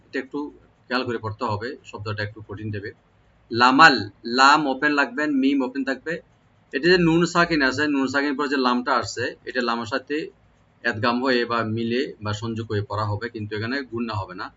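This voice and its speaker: A man teaching Quran recitation rules, reciting Arabic words slowly and drawn out, then explaining each letter sound. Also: medium pitch, sharp tone, dull audio.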